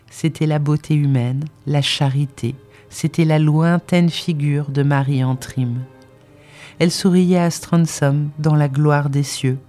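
An audiobook narrator reads literary prose in a measured, solemn cadence. The voice sits mid-range and sounds mellow and dark, with faint music under the reading. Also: mid-range voice.

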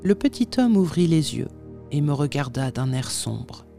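A narrator reading a classic tale aloud as an audiobook, with measured, dramatic storytelling. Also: medium pitch, very animated, vocal fry, warm tone, faint music behind.

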